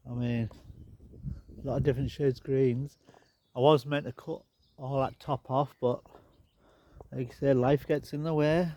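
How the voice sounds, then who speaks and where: A man with a stuffed-up, nasal voice strolls through his outdoor garden filming on a handheld phone, talking at a medium pitch and measured pace with long pauses. He's a garden vlogger doing a casual walk-and-talk, chatty and rambling with relaxed asides.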